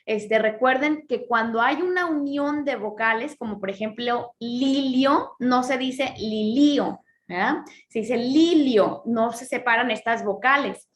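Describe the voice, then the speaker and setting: A woman teaching Spanish literature, explaining step by step, checking in with her students often, and reading verse slowly when she counts syllables. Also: fairly high pitch, a bit bright, slight background noise. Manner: reads verse lines slowly, drawing out syllables. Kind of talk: lesson on poetry.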